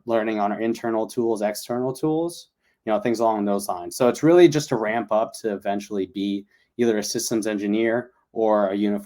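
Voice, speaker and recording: Lower-pitched man, informal recruiter. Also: a little mellow.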